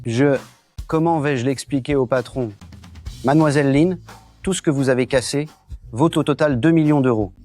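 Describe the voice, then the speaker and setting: Man voicing a nervous polite manager, smoothing things over. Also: mid-range voice, moderate pace, long pauses, a little mellow, soft background music, close to an everyday voice. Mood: placating. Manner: placating, polite. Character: anxious office manager. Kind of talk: French drama dubbing.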